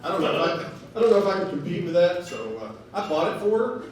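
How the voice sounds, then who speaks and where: A man doing a stand-up comedy set in a bar, telling stories with deadpan delivery. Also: high voice, brisk, a crowd in the background. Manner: deadpan storytelling with acted quotes. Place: bar stage with laughing audience. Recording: echoey bar room from far off, noisy.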